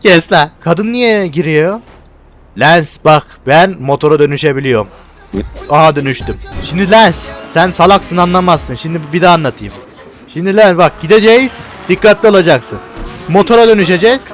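Young man, gameplay commentary, excitable, shouts at the screen, fairly high voice. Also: normal speed, soft background music. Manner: excitable, bantering, shouts at the game. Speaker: gameplay video host.

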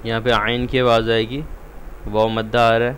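A man from Pakistan teaching Quran recitation, his voice at a middle pitch. He explains the rules in quick bursts and stretches the recited words out slowly. A faint hiss sits under the recording. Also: completely flat delivery. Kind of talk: Quran recitation lesson with slow drawn-out recitation.

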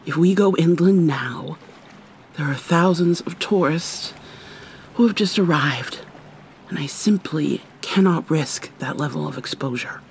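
She sits low in pitch, speaking a little slowly with a creaky quality and a bit of hiss or hum. In the role of an ASMR vampire mermaid, she's haughty and irritable but caring underneath, sardonic and formal, often sighing in exasperation.

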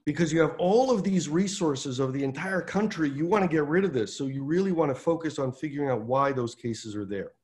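An older man hosts a video-call town hall from a home room by a window, giving an explanatory advocacy talk through a webcam. His voice is a little high, and he is animated, gesturing with his hands and speaking in fast bursts.

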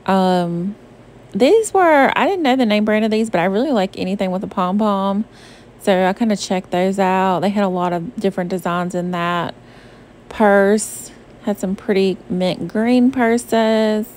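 A woman's voice: mid-range voice, unhurried, darkish tone, a little hiss or hum. Chatty woman from the southern US. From Southern United States. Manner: chatty and bubbly, many fillers like "um" and "like". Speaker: shopping vlogger. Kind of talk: casual voice-over narration of a shopping trip. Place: voice-over recorded apart from the pictured store. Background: faint background music.

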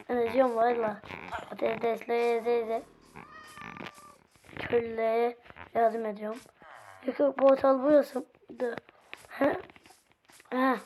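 A woman with a hoarse, fairly high voice talks her way through a game at an unhurried pace. She chats casually with her viewers and with the game's characters. Faint background noise sits under her voice. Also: a little mellow. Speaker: gameplay video host.

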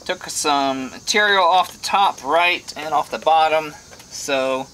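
A man's voice: a little high, takes it slowly, bright, forceful tone, a little hiss or hum. Upbeat man narrating his craft workshop. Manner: thinking aloud with many "um"s, upbeat when things work. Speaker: bone carving YouTuber. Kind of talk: casual workshop commentary.

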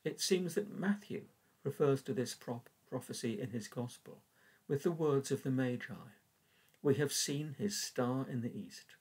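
An older English man reads scripture and leads prayers at a measured, earnest pace. His voice is slightly husky. He speaks into a webcam in a small room. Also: mid-range voice, darkish tone, low-quality recording. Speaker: church warden leading prayers. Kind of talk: reading and devotional reflection. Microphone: webcam at desk.

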